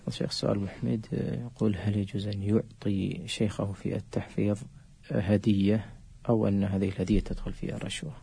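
A man's voice: on the low side, little pitch movement, fast talker, gravelly, mellow, breathy edge. A man hosting a live radio phone-in in a formal, courteous way. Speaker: radio program host.

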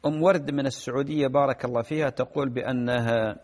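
A man answers callers' religious questions on a call-in show. He sits at an average pitch for a man and takes his time, explaining patiently and stretching out the words in his examples. He sounds like a cleric settling everyday questions. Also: fairly even intonation, quick pace.

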